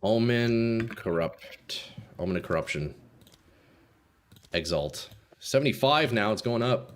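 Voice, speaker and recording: A man's voice: on the low side, lively intonation, slow pace, slight background noise. A young man live streaming a video game, chatting casually with his viewers in a slangy, sweary frat-bro manner.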